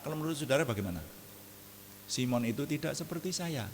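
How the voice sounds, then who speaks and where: A man preaching an evening prayer sermon, animated and jokey, often laughing at his own asides. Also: on the high side, quick pace, long reverb tail, slight background noise.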